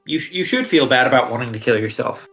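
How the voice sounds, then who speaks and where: A man's voice: mid-range voice, expressive, fast talker, a bit bright, soft background music. A man co-hosting a game stream, chatting casually and joking with friends. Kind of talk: casual let's-play chat.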